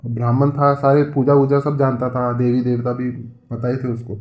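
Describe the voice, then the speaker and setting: A man's voice: medium pitch, completely flat delivery, normal speed. A man hosting a horror podcast, casually retelling a friend's account in a conversational way. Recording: roomy, muffled recording.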